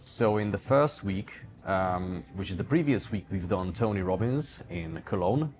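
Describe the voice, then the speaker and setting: A Hungarian digital entrepreneur who runs a book publishing company is an interview guest, answering questions conversationally about his life and work. His deep voice is expressive and his pace measured.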